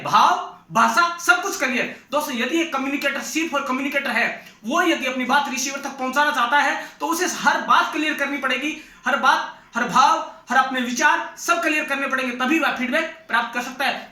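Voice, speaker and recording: Male lecturer with a high, bright voice. He explains points through examples and keeps calling his listeners friends. Recorded in an echoey room. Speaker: teacher. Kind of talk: classroom-style lecture.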